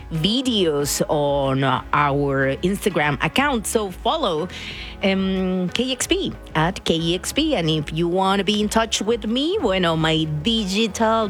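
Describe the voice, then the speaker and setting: Speaking in a lowish voice, this Argentine radio DJ keeps things casual and conversational, her Argentine Spanish accent clear as she slips in the occasional Spanish word.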